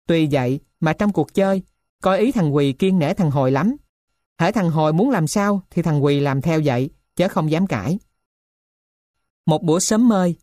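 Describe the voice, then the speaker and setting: A woman narrating a novel in an even, measured reading. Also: lowish voice, dry recording, clean studio sound.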